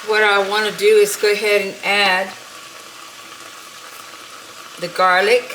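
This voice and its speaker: In a roughly recorded, casual cooking demo, a middle-aged woman with a middle-range pitch hosts her cooking channel from a home kitchen. She talks through the recipe at a relaxed, homey pace, pausing with plenty of fillers while she works. The pan's sizzle and frying ring out clearly behind her.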